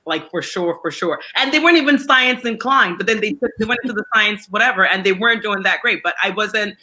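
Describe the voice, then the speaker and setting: A woman's voice: mid-range voice, quick pace, pushed and bright, low-quality recording. A woman from Nigeria talks casually as a panel guest on a video call. She rambles cheerfully and makes fun of herself. Her tone stays loose and friendly. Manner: self-mocking, chatty.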